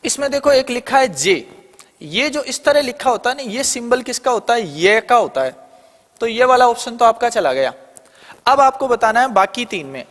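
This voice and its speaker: An Indian man leads an exam-prep lesson, talking through each answer choice and answering his own questions as he goes. His voice sits high for a man. The sound carries a long, reverberant room tail. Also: lively intonation, normal speed, a bit bright. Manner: explains step by step, often asking and answering his own questions. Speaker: teacher.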